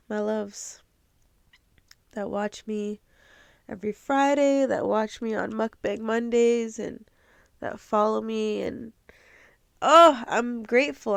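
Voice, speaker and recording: A somewhat high voice with vocal fry, heard without echo, belongs to a young woman running her own podcast. Her casual motivational talk is earnest and emotional, and she comes close to tears at times.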